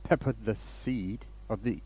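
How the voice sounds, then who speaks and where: A man from Denmark chats casually on a woodturning livestream, greeting viewers in rambling, restarted sentences as he works. His voice is fairly low, a little slow, mellow, and husky.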